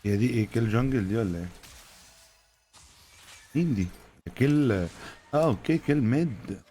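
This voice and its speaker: A man with an Egyptian Arabic accent giving live gameplay commentary, trading fast joking banter with his teammates. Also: mid-range voice, animated, dark tone, faint music behind. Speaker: gaming streamer.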